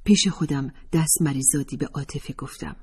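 Brief: woman audiobook narrator, low husky voice, calm and measured. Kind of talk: first-person novel narration.

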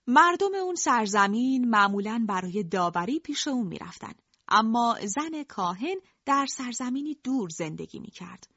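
A woman narrating a story in a calm, colloquial storytelling manner. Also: fairly high pitch, no echo, muffled recording.

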